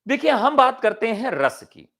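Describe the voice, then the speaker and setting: A man with a high voice gives an exam-prep lecture. He talks in a chatty, animated way. He puts questions to the class and answers them himself. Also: moderate pace. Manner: chatty, jokes and sings a line of a folk song. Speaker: teacher.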